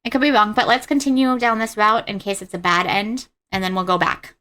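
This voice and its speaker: A woman's voice: mid-range voice, fairly even intonation, brisk, bright, forceful tone. A woman game streamer who reads story text aloud dramatically and breaks off into casual, blunt, sweary commentary. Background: game music behind the voice.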